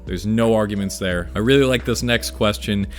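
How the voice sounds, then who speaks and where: A man's voice: lowish voice, normal speed, soft background music. A young man giving a casual Q&A to his viewers, talking in an enthusiastic, laid-back, slangy way. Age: young adult. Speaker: video creator answering viewer questions.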